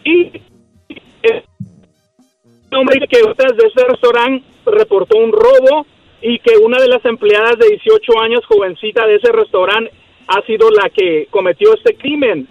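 A man calling into a radio show and recounting things in an earnest, measured way. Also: very high voice, very animated, creaky, no room sound. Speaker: caller. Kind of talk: phone-in call. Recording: dull phone-in line.

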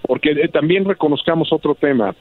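A man's voice: fairly high pitch, a little fast, no echo. A man, a politician calling in to a radio show, making an earnest argument. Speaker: politician caller. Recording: phone line.

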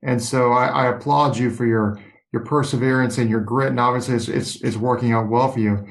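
A man hosts a casual podcast interview. His voice is medium in pitch and he talks conversationally. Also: fairly even intonation, a little fast, gravelly, low-quality recording. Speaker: podcast host.

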